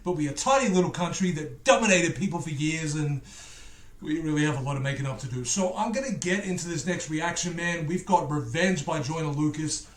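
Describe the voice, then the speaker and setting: In a very echoey room, a music reactor chats briskly to his viewers, rambling and joking through a casual reaction video. He's from England but has an Australian accent, and his voice sits fairly high for a man.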